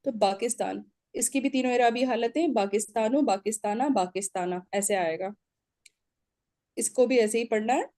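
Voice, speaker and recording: A woman's voice: a little high, moderate pace, darkish tone, no room sound, clean studio sound. A woman teaching an Arabic grammar lecture, explaining step by step, drilling word endings aloud and checking in often with short confirmations.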